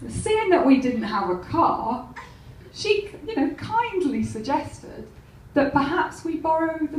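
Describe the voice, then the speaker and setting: A woman with a high, slightly mellow voice tells wry, meandering anecdotes during a stand-up set at a live comedy venue, laughing at her own jokes. The recording sounds roomy, with a distant mic, faint ambience, and a little hiss or hum.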